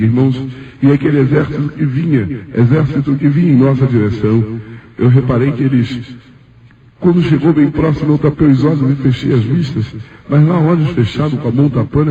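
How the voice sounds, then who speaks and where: A man's voice: mid-range voice, fairly quick, dark tone. A man preaching a testimony sermon, telling his story fervently, his voice rising when he quotes himself. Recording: echoey, distant, dull lo-fi church recording.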